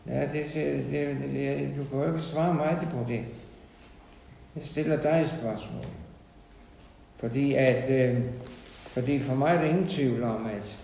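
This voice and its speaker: A man giving an informal sermon to a small meeting, halting and repeating words, then rising to loud emphasis. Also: mid-range voice, gravelly, echoey room, big-room sound, a little hiss or hum, low-quality recording. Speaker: lay preacher.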